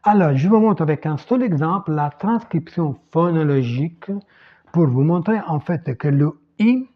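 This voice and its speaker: A man teaching an online language lesson, slow and deliberate, saying each example word carefully and checking in with his listeners. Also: fairly high pitch, lively intonation, narrow, tinny audio. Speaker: Italian teacher.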